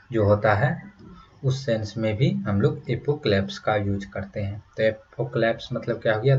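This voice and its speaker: Slow, patient male vocabulary teacher. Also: mid-range voice, highs cut off. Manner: patient, repeats each meaning and asks rhetorical questions. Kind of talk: slow explanatory lesson in mixed Hindi and English.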